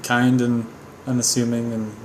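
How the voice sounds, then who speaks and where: A man's voice: medium pitch, monotone, moderate pace, reverberant, a little hiss or hum. A young Canadian man talking casually with his wife, explaining things in an earnest, careful way. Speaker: co-host of a couple's livestream. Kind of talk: casual chat.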